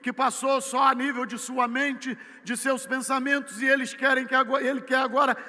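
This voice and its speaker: A Brazilian man with a Brazilian Portuguese accent preaching a sermon, swinging from loud emphatic peaks to low, quiet asides. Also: little pitch movement, moderate pace. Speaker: missionary preacher. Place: church. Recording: church hall with long reverb.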